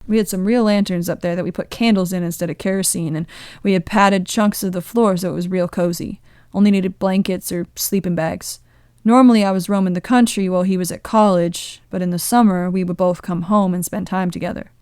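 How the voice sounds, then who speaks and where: Sheepish, tender young man in his twenties as read by a woman, halting and confessional; lowish, smooth, dry. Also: fairly even intonation, a little mellow, dry recording, natural voice. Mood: wistful. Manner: bashful, halting confessional storytelling.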